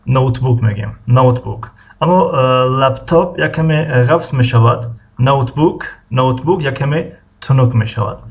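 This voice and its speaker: A man with a Tajik accent teaching English, reading model phrases slowly and explaining them with many hesitations. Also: mid-range voice, gravelly, highs cut off. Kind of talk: language lesson explaining a dialogue.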